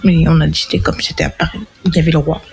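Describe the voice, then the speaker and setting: A man co-hosting a casual radio chat, explaining things in a rambling, digressive way with a husky voice. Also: fairly high pitch, little pitch movement, racing. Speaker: radio show co-host.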